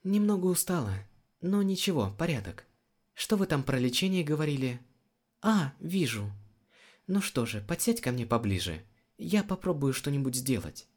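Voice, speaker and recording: A man's voice: a little high, normal speed, voice pushed up. Man putting on a cheerful ringing young woman. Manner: bright, lively, reassuring.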